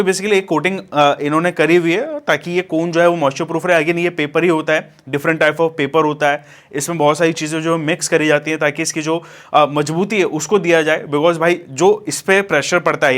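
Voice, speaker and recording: A man's voice: fairly high pitch, fairly bright tone. A man casually reviewing and unboxing a speaker, talking to viewers as friends and using plenty of fillers. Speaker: DJ equipment vlogger.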